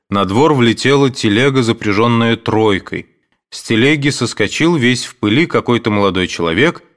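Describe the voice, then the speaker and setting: Brief: male narrator, classic prose audiobook, animated intonation, middle pitch. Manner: expressive, measured storytelling.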